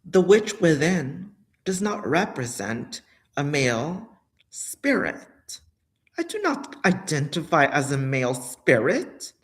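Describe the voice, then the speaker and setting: A woman's voice: low voice, big pitch swings, takes it slowly. A woman giving an intense, dramatic personal monologue as a vlogger, repeating herself often.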